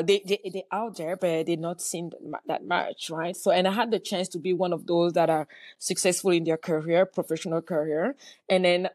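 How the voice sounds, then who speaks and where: A woman from Cameroon, a guest entrepreneur, gives a conversational interview answer in a halting way, with many fillers and restarts. Her voice is lowish with a darkish tone, and there's no echo.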